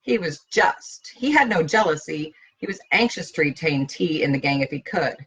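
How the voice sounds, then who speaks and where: A woman reading a short story aloud as the host of a reading session. Her delivery is expressive and lively in pitch, with a slightly breathy voice. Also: moderate pace, rough recording.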